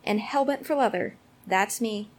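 A woman's voice: medium pitch, normal speed, noisy background, lightly acted. A woman playing a breezy, flirtatious cowgirl gunslinger in a comic Western audio drama.

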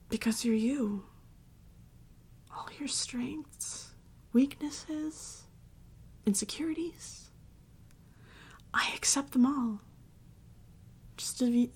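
This time the same affectionate girlfriend character, clingy and tearful before parting, sounds tender and soothing in gentle ASMR-style roleplay acting. The voice is on the high side, darkish, exaggerated, and breathy, frequently slipping into a whisper. Her delivery stays slow, halting, and full of soothing endearments.

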